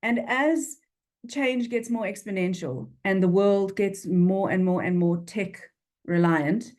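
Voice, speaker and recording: Speaking slowly in a mid-range, darkish voice, this woman in her forties has a Durban South African accent. As a freelance copywriter guesting in a casual video-call interview, she talks frankly and frequently restarts sentences.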